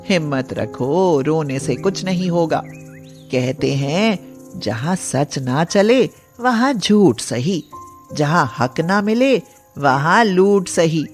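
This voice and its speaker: Woman voicing a slow, kindly old village woman. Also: deep voice, expressive, faint music behind. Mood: encouraging. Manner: slow, encouraging, emphatic. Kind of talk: animated moral story acting.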